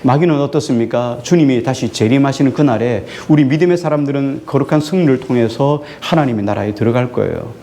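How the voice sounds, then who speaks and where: Mellow-voiced Korean pastor preaching. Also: male voice, medium pitch, fast talker, few pauses, slight background noise. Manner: asks the congregation questions, then answers them himself. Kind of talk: sermon. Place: church sanctuary.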